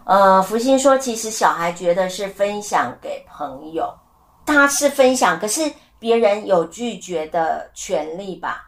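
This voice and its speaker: A middle-aged woman hosting a casual solo podcast, telling stories with lively acted-out voices and asking her listeners questions. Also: mid-range voice, a little slow. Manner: animated storyteller who asks listeners questions. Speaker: podcast host.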